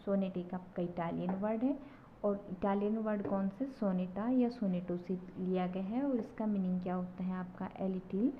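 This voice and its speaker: A woman's voice: mid-range voice, steady tone. Woman teaching in a dull recording. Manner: slow, repetitive explaining with frequent checks of "ठीक है". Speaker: English literature teacher. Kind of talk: classroom lecture. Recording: dull lo-fi recording with faint noise.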